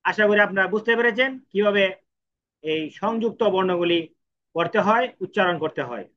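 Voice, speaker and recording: A man with a high, brisk voice gives a language lesson, patiently posing questions and answering them himself while repeating every syllable three times. The recording is dull and lo-fi.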